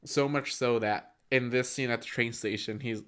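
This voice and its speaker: Young dude, mid pitch, chill scene recaps on a movie podcast. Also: male voice, fairly even intonation, normal speed, fairly bright tone. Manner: easygoing, recaps scenes, many fillers. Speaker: podcast co-host. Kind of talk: casual movie review chat.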